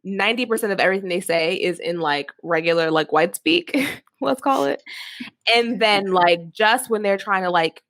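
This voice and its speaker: A woman's voice: medium pitch, moderate pace, fairly bright tone, dry recording. A woman from Philadelphia co-hosting a podcast, talking in a frank, rambling way full of "like" fillers. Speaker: podcast co-host. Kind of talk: casual discussion.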